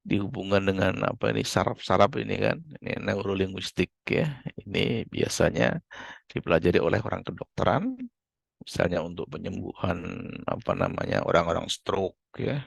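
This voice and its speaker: A man's voice: low voice, normal speed, gravelly, breathy edge, dry recording. An Indonesian-accented man lecturing a university class, explaining patiently and repeating key terms with many fillers.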